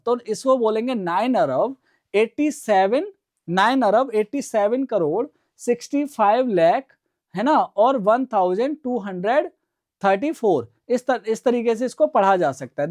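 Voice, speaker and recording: A woman teaching a school maths lesson online. She explains step by step, often checks in with quick "right?" and "okay" asides, and repeats numbers aloud. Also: fairly high pitch, darkish tone, no room sound, clean studio sound. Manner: slow, step-by-step explaining with frequent "है ना" and "ठीक है" check-ins.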